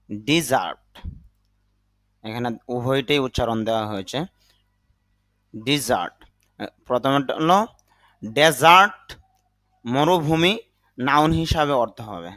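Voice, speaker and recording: A man teaching English vocabulary, saying each word slowly, sometimes twice, then giving its meaning. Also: medium pitch, a bit bright. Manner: repeats words slowly, then gives the meaning. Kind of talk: slow vocabulary lesson.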